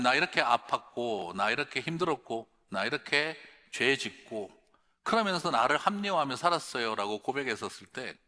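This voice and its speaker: A preaching man, lively and bright. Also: medium pitch. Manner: swings from hushed whispers to shouted outbursts. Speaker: pastor. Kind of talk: evening sermon. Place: large church or conference hall. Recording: reverberant large hall.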